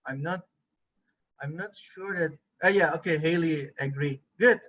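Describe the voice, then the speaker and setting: Male photography instructor, bright tone, conversational online lecture, muffled low-fidelity audio. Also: a little slow. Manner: conversational, often checks in with students. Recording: dull lo-fi recording.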